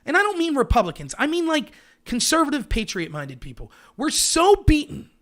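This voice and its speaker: Sarcastic and full of rhetorical questions, a man with a strikingly high, fairly bright voice rants heatedly about politics at a fairly quick pace. His pitch swoops wildly as he punches home each point.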